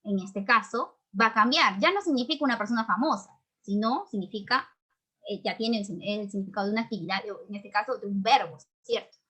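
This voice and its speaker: A woman with a Peruvian accent teaching an online grammar lesson, explaining patiently and checking in often with quick tag questions. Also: mid-range voice, bright, forceful tone, breathy edge. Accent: Peruvian Spanish. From Peru.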